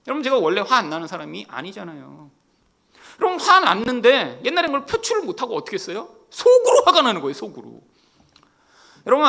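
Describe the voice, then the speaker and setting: Man, 40s, pastor, sermon, confessional, rhetorical questions, whispered asides, gravelly, animated pitch. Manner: candid, confessional storytelling with rhetorical questions to the congregation; swings between loud emphasis and near-whispered asides.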